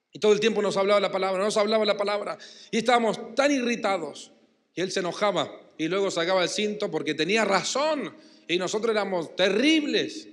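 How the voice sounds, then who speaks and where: A pastor from Argentina with a Rioplatense Spanish accent, preaching emphatically and having the congregation repeat and answer. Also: male voice, high-pitched, a bit bright. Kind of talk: sermon. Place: church hall. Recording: long church-hall reverb.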